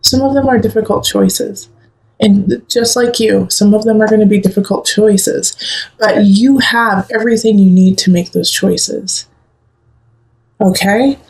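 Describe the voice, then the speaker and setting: A woman talks through a tarot reading in an easy, conversational way. She reassures the listener directly and often doubles back to repeat a word. Her voice sits at an ordinary middle pitch. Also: unhurried, gravelly, darkish tone, rough recording. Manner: chatty, reassuring, repeats words, direct address. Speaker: tarot reader. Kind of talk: casual spoken tarot reading.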